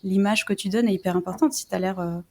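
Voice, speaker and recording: A French woman guest chats on a podcast in a hesitant, self-doubting way. She fills her speech with "euh", breaks off and restarts her phrases, and her pitch sits in the middle range. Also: steady tone, quick pace. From France. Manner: hesitant, many fillers and restarts, self-deprecating. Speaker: guest YouTuber. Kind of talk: casual podcast conversation.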